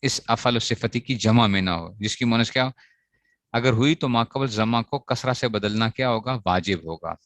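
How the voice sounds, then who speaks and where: A man's voice: medium pitch, moderate pace, fairly bright tone, dry recording. A man teaching a grammar lesson to students, asking questions and answering them himself as he repeats the key points. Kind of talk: classroom lecture on Arabic grammar.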